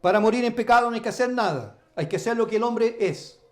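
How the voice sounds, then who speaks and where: A man's voice: very high-pitched, expressive, brisk. A man, a pastor preaching a sermon with emphatic, repeated lists of phrases.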